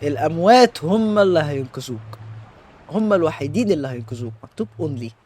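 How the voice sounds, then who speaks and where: A young man with an Egyptian Arabic accent giving jokey let's-play commentary on a horror game, swinging from muttering to panicked yelling. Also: a little high, animated, fast talker, a little hiss or hum. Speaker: gaming YouTuber.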